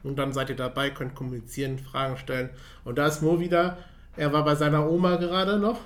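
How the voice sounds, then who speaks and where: A man's voice: a little high, steady tone, a little fast. A man hosting a live stream talk, chatting to the viewers and inviting their questions. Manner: chatty, addresses viewers directly. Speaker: livestream talk host.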